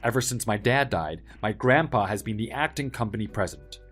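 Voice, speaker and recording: An actor playing a polite, helpful young office worker with quiet backbone, speaking in an earnest, measured way in a dramatized story. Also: male voice, fairly low pitch, animated, slightly rough, faint music behind. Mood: calm, smug.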